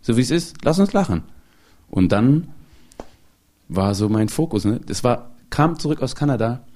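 A man's voice: medium pitch, moderate pace. A man, a comedian, telling a personal story in a casual interview, laughing often and acting out the people he quotes. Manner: animated, acts out quoted people.

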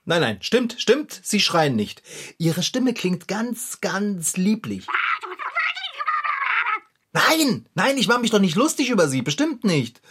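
A woman's voice: mid-range voice, big pitch swings, slow pace, slightly rough, full character voice. A woman voicing a good-natured, easily flustered male bicycle mechanic who chatters and laughs nervously. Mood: nervös. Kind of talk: hobby audio drama acting.

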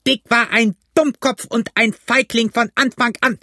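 A man's voice: very high-pitched, fairly even intonation, unhurried, pushed and bright, no echo, studio quality, pitched above the performer's own voice, full character voice. A man voicing a furious blind old pirate beggar who shrieks curses and barks orders at his gang. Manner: shrieking, cursing, barking orders. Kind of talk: audiobook character voice.

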